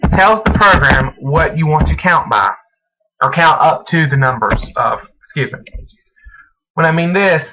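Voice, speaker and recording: A man narrating a step-by-step programming screencast, speaking in halting, deliberate phrases as if dictating while he types. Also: a little high. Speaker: programming tutorial presenter. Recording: noisy home recording with mouse and key clicks. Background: clear background noise, clicking.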